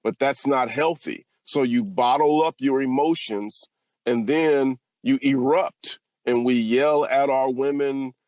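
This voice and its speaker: A man's voice: medium pitch, slow pace, darkish tone, no echo. A man from California hosting a podcast, talking in an earnest, reflective and personal way. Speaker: podcast host. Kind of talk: casual podcast conversation.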